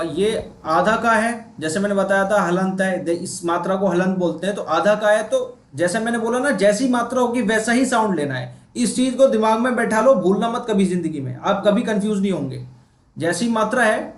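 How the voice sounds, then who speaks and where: A man's voice: high voice, lively intonation, a little fast, echoey room. A man teaching a diction class on a video call, explaining patiently step by step and repeating himself. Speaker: acting teacher.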